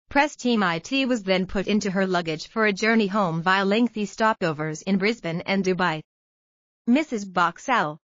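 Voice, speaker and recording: A woman narrating a news story in an even, measured scripted read. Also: mid-range voice, no echo, lo-fi sound.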